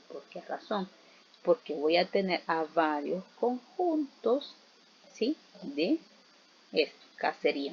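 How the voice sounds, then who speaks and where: A woman teacher talks through a grammar lesson, patient and methodical, checking in with rhetorical questions. Her voice has a gravelly edge. The recording sounds dull and a little lo-fi, with faint noise underneath. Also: mid-range voice. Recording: dull, slightly noisy recording.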